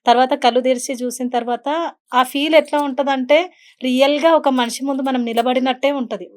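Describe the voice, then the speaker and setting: A woman's voice: sits high, steady tone, a little fast. A woman guest on an interview show, earnestly telling a personal story and mixing in English words. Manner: earnest, mixes English words into her speech.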